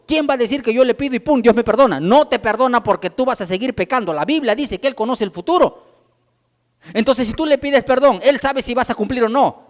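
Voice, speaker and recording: A high-voiced male pastor preaches a sermon emphatically and repetitively, firing rhetorical questions at the congregation. The sound is dull and lo-fi with long hall reverb.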